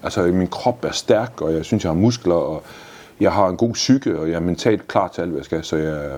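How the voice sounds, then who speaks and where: A guest in his fifties answers interview questions bluntly and enthusiastically, swearing freely. His voice is low-pitched and a little mellow.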